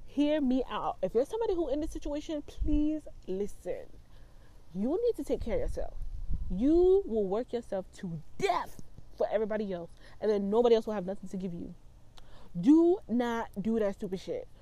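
A woman's voice: a little high, sing-song, normal speed, warm tone. A woman in her twenties telling a personal story in a vlog, talking in a blunt, profane and emphatic way. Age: 20s. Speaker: vlogger.

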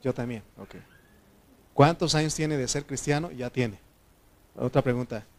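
A man preaches in a relaxed, talkative way. His voice sits at an ordinary middle pitch. He keeps turning to the congregation with questions. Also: a little slow. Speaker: pastor. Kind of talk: sermon.

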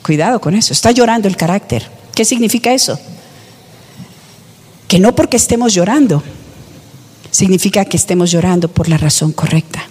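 A woman's voice: mid-range voice, expressive, moderate pace, pauses often, darkish tone, breathy edge, in a large hall. A woman preaching a sermon, emphatic, with rhetorical questions to the congregation.

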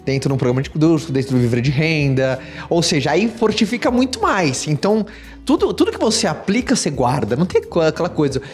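A man with a Brazilian Portuguese accent hosts a casual podcast, his voice higher than most men's and swinging widely in pitch. He talks quickly and keeps the conversation moving with questions. Faint music sits underneath. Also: very animated.

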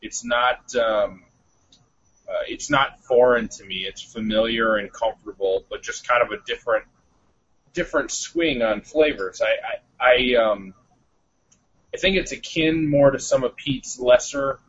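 A man's voice: mid-range voice, a little slow, breathy edge. Man sounding like he's inside a barrel. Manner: animated, stumbling, exclaims "good gracious". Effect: muffled phone line that sounds like he is inside a barrel. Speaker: podcast co-host. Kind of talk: casual chat. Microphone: telephone. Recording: muffled lo-fi phone line.

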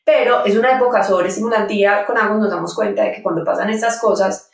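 A woman hosts a podcast and speaks in a candid, chatty way. Her pitch is mid-range. Her voice carries in a roomy space, picked up from a distance. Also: fairly even intonation, fast, vocal fry. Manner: candid and chatty, shares personal stories. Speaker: podcast host. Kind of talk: casual interview chat. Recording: roomy sound, mic at a distance.

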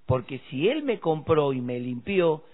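A man's voice: a little high, sing-song, a little slow. A man on a faith radio show, quoting scripture firmly and correcting his co-host. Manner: quotes scripture, firm and corrective. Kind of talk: casual devotional radio chat. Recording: tinny phone-like radio audio.

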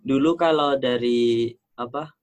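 A man's voice: medium pitch, measured pace. A man from Surabaya interviewing a guest casually, nodding along with frequent agreement. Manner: frequent backchannel agreement, relaxed questions.

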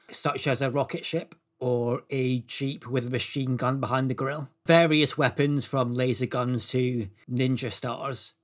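A man lays out ridiculous facts with a straight, deadpan delivery, as if reading from notes. His voice has a middling, ordinary pitch. His timing stays dry and unhurried. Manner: deadpan, reads prepared facts evenly. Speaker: co-host presenting the topic. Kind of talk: deadpan comedic explainer.

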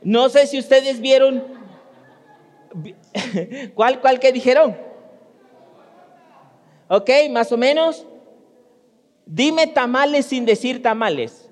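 A man's voice: very high voice, lively intonation, slow, long pauses. A man preaching a conversational sermon, speaking straight to his congregation and often restarting his sentences. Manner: speaks directly to the congregation, storytelling with frequent restarts. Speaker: pastor. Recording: long hall reverb.

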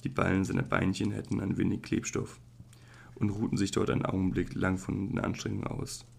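A man narrating a literary audiobook in a measured, even way, with occasional slips. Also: low-pitched, vocal fry, slightly rough.

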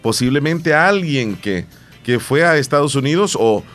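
A man's voice: medium pitch, expressive, a little slow, a bit bright, soft background music. A man from El Salvador, co-hosting a casual chat show, rambling and repeating his words. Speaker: podcast co-host. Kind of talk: casual radio-style chat.

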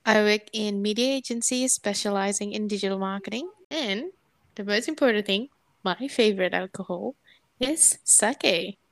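A woman's voice: mid-range voice, normal speed, dry recording. A woman in her early thirties, from Indonesia, co-hosting a casual podcast and telling stories in an easygoing, chatty way. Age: early 30s. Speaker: podcast co-host.

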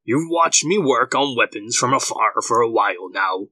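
A patient dwarf smith explains things slowly and firmly to his pupil, read by a man telling the story. His tone is bright and forceful, and the recording is close and dry. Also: mid-range voice, lively intonation, no room sound. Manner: patient, teaching.

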